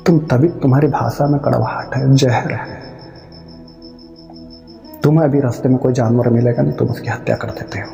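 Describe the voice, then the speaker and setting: Male spiritual preacher, gravelly and mellow, emphatic rhetorical delivery, long reverb. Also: medium pitch. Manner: emphatic, rhetorical, scolding the listener with drawn-out phrases. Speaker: spiritual speaker. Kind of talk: devotional discourse on Kabir's verses. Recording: long reverb with faint music.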